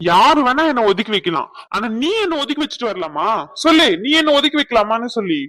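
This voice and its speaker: A man's voice: sits high, sharp tone, no echo, exaggerated voice. A man playing a hot-tempered, sarcastic young cousin. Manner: scolding, sarcastic, theatrical. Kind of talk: cartoon skit dialogue.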